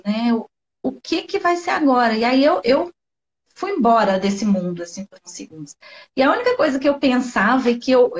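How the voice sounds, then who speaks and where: Heartfelt Brazilian woman on a dull live stream. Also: high-pitched. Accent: Brazilian Portuguese. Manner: heartfelt, tearful at times, fills speech with "né" and "sabe". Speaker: guest sharing a personal story. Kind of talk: emotional personal storytelling on a live stream.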